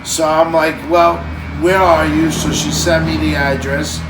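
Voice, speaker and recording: A man's voice: fairly high pitch, unhurried, noisy background. A man telling a casual story-time tale, full of swearing and quoted back-and-forth dialogue. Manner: profane, lively retelling with quoted dialogue. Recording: music playing in background.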